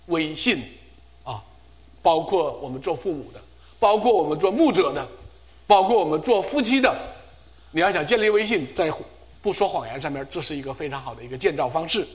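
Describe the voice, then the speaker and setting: A middle-aged man preaching a sermon as pastor, emphatic and repeating phrases for stress. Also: a little high.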